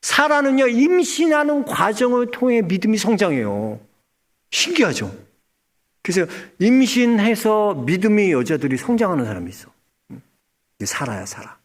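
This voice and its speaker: A male pastor preaching a sermon in a conversational, animated way. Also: sits high, moderate pace.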